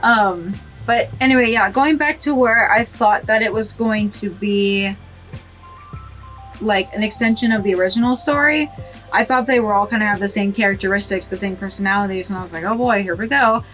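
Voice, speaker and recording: Teary-eyed and giggling, a young gaming video creator gushes through a casual let's play. Her mid-range voice is a bit bright and moderately paced, with faint music in the background.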